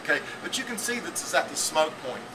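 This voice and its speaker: Forties guy teaching a cooking class, kinda high voice, rambly, says okay a lot, camera mic off at a distance. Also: big pitch swings, fast. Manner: rambling, repetitive, checks in with "okay?". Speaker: culinary teacher. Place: school teaching kitchen, indoors. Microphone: camera mic from a few feet away. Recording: distant camera audio with air-conditioning hum.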